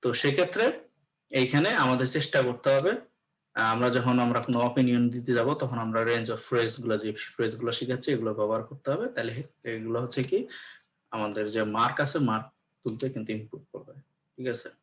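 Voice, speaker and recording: A man's voice: mid-range voice, steady tone, fast talker, a bit bright, slight background noise. Man teaching English class. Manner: explanatory, repeats "okay" to check in. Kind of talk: classroom lecture.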